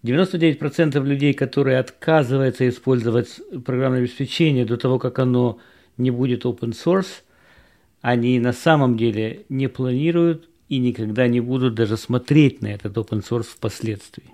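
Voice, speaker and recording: A man's voice: medium pitch, fairly even intonation, moderate pace, mellow. A man from Russia, an author and programmer, talking casually to viewers in a rambling, explanatory way and demonstrating English pronunciation.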